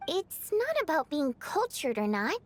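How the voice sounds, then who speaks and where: A gentle young water imp in a video game, polite and earnest with a teasing edge. Her voice sits high and swoops lively through each line. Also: measured pace, exaggerated voice.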